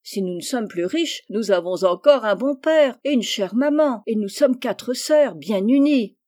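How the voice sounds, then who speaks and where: A woman voicing a gentle, shy, modest girl in a storybook reading, speaking softly. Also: a little high, normal speed, lightly acted. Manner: soft, gentle.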